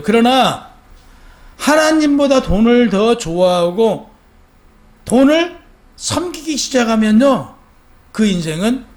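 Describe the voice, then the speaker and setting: High-voiced man preaching a sermon. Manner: conversational preaching with rhetorical questions to the congregation; reads scripture verses aloud. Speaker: pastor.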